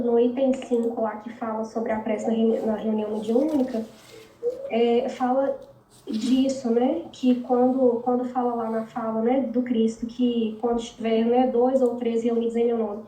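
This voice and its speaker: A woman's voice: a little high, steady tone, normal speed, warm tone. A woman in a study group, joining the discussion with hesitant, thinking-aloud remarks. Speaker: group participant. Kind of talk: casual discussion. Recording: distant from mic, roomy echo, faint noise.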